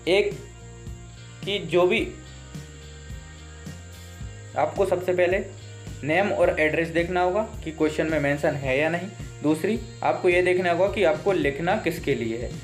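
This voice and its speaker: Faint background music accompanies this exam lesson from an Indian-accented teacher whose native language is Hindi. His voice is fairly high, and he works through the material step by step, repeating key points and giving slow, deliberate read-outs.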